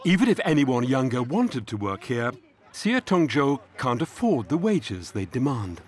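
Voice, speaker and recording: A man giving measured, scripted documentary narration. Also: medium pitch, big pitch swings.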